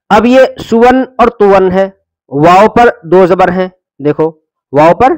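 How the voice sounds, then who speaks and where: High-voiced man teaching Quran reading. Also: no room sound. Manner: patient explaining, drawn-out syllable drills. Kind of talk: Quran reading lesson, spelling out syllables.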